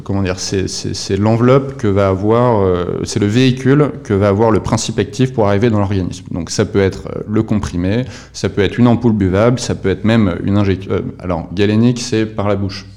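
A man's voice: lowish voice, a little fast, few pauses, a little mellow. A man appearing as a guest on a podcast, explaining his company's products at length with frequent fillers and restarts. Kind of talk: podcast interview.

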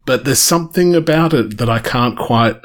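A man with a mid-range voice co-hosts a relaxed tech conversation. He thinks out loud, circling back and restarting sentences. His delivery stays easygoing and chatty. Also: medium pitch, normal speed. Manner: rambling, restarts sentences while thinking aloud. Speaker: podcast co-host. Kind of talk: casual tech chat.

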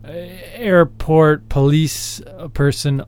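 A man's voice: a little high, fairly even intonation, drawn-out words, darkish tone, clean tone, dry recording, faint music behind. A man co-hosting a podcast, chatting casually as he recounts a story. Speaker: podcast co-host.

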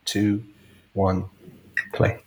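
A man's voice: sits low, completely flat delivery, drawn-out words, darkish tone, slightly rough. A man hosting a podcast chat, joking and teasing his guests. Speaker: podcast host and editor. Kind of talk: casual chat.

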